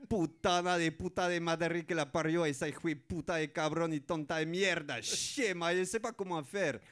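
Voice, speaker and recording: A man's voice: a little high, normal speed, a bit bright, natural voice. Small hot-headed cartoon penguin with a Mexican Spanish accent, cursing and flustered; a man plays it.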